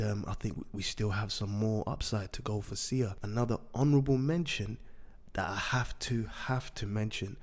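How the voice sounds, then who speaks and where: A man with a raspy voice hosting a market update, repeating and rephrasing his points for emphasis. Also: lowish voice, a little mellow. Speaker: host of a daily crypto news show.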